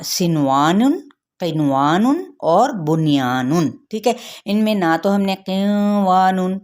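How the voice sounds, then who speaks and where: A woman teaching Quran recitation rules, patiently explaining each rule and then reciting the words slowly. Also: low voice, darkish tone. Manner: patient, repeats rules, checks with "theek hai".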